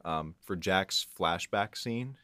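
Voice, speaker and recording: A deep-voiced man speaks slowly with a sharp, clean tone and no echo. He's a guest composer and audio engineer in a casual behind-the-scenes interview, thinking aloud hesitantly and restarting as he goes.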